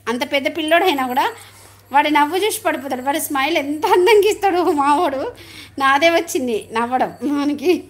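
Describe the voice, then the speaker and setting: A woman's voice: sits high, lively intonation, normal speed. A middle-aged woman, chatting casually on a live stream, laughing often and greeting viewers.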